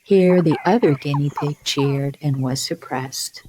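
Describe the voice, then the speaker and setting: A woman narrating a bedtime story in a soothing, measured storyteller's manner. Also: low voice, warm tone, a little hiss or hum, low-quality recording.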